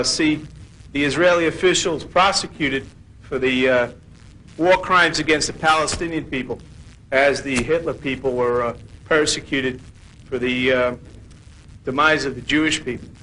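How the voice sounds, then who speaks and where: A hesitant man in the audience pauses often as he asks his question. He is heard from away from the microphone, and a faint hum fills the room. His tone is bright and a little sharp. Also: on the high side, poor audio. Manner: hesitant, full of fillers. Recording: faint room noise, speaker away from mic.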